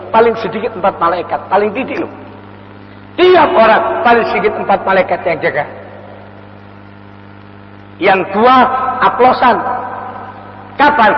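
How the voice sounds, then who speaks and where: An older man preaching a dawn sermon, telling stories and acting out the voices in them. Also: high voice. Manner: storytelling, acts out quoted voices. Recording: lo-fi recording in a reverberant hall with faint noise.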